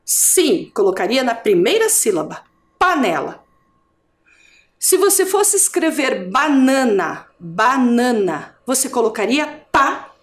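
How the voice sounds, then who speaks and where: Teaching an adult education lesson on video, a very animated woman whose voice sits high speaks with a Curitiba Brazilian Portuguese accent. She stretches syllables out slowly as drills and puts questions to the viewer.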